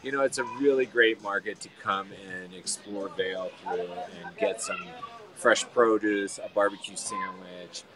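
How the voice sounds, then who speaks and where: A man's voice: on the low side, unhurried. A middle-aged man from Maryland who owns a barbecue restaurant, chatting casually outdoors with a lot of fillers and trailing "so"s. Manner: relaxed, many fillers, trailing "so". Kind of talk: casual interview. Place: outdoor farmers market booth. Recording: outdoor market crowd noise. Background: market crowd.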